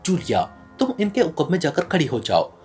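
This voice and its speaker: A man's voice: on the high side, wildly swooping pitch, brisk, darkish tone, soft background music. A man reading as a stern male secret agent. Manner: stern, serious delivery.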